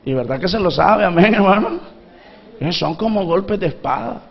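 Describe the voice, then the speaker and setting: In a lo-fi recording, a man with a high-pitched, gravelly voice and lively intonation preaches at a moderate pace. He is a Honduran pastor who calls for congregational responses and performs the parable's pleading voices.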